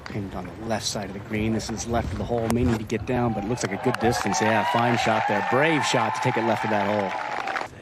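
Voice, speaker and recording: A man's voice: fairly low pitch, steady tone, a little fast. A man working as a golf commentator, describing shots live in short, clipped observations. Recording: very noisy outdoor broadcast ambience. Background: loud outdoor course noise.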